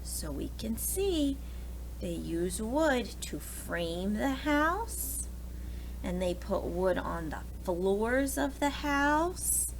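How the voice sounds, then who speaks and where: A woman with a mid-range voice and some vocal fry reads a picture book aloud to preschoolers, expressive and addressing the young listeners directly with asides. The audio is poor, with slight background noise.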